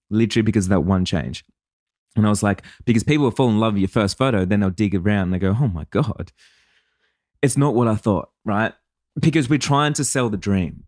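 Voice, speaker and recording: A man's voice: fairly low pitch, a little mellow, no echo, studio quality. A man hosting a solo podcast as a business coach, talking in a punchy, emphatic, casual way with some swearing. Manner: acts out listeners' and clients' voices.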